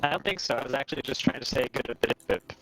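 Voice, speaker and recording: A man's voice: mid-range voice, fast, fairly bright tone, a little hiss or hum, rough recording. A man playing a tabletop game, asking earnest questions while his video call audio breaks up. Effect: glitchy video call audio breaking up. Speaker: player. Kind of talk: casual tabletop game chat. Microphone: video call headset or desk mic.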